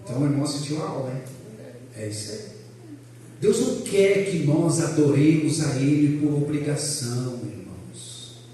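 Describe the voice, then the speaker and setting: Loud animated pastor teaching a class. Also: male voice, fairly high pitch. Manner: loud, animated, jokes with the class and asks them questions. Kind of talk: lively church class lecture. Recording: echoey room, voice from a distance.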